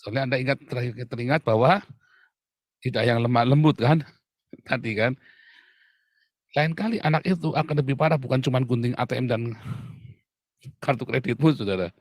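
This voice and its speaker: A man from Indonesia preaching a sermon, blunt and animated, with sudden loud outbursts. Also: medium pitch, moderate pace, pauses often, no echo, studio quality. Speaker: pastor.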